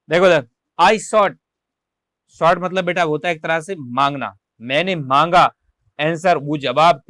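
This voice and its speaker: A man's voice: fairly high pitch, fairly bright tone, dry recording. A male teacher, leading an online class. He reads English lines and explains each word, asking and answering his own questions. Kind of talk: online class lecture, translating English text.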